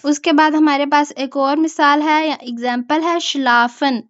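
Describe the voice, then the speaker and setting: A woman's voice: sits high, fairly even intonation, measured pace, fairly bright tone, dry recording, highs cut off. A woman teaching a German language class, explaining pronunciation patiently and checking in often with her students. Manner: patient, repeats "ठीक है?" to check understanding. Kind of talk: online language lesson.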